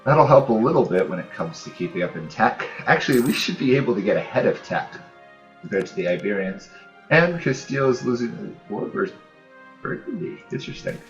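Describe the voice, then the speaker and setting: A man with a medium-pitched voice provides casual let's-play commentary on a strategy game, talking quite animatedly and a bit quickly as he thinks aloud. He hosts a gaming channel. The home recording sounds dull and roomy, with game music playing behind him.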